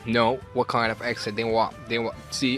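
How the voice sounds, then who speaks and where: Animated man in casual talk. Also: normal speed, faint music behind. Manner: animated, acts out puzzled locals in a high voice. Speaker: student interviewee. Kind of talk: casual group interview.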